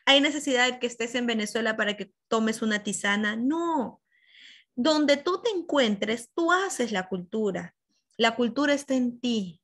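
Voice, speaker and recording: A Peruvian woman with a Peruvian Spanish accent teaches an online class over a video call, explaining with examples. Her voice is a little high, expressive, fairly bright and a little slow, and she asks questions and praises students by name as she calls on them.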